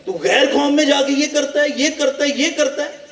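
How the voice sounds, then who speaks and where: A man's voice: very high voice, a bit bright, voice pushed up. A man voicing a stern father who reproachfully scolds his grown son. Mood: scolding. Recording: echoey hall from a distance.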